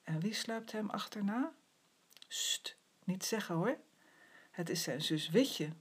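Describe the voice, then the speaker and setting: Slow husky woman reading a children's story. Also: medium pitch. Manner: expressive, slow storybook delivery. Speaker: reader.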